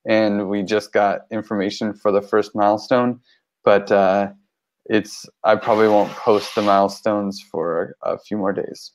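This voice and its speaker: A man's voice: on the low side, fairly even intonation, a little slow. A man talking casually in an online meeting, rambling with many fillers. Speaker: team member reporting on campaigns. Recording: dull lo-fi call audio.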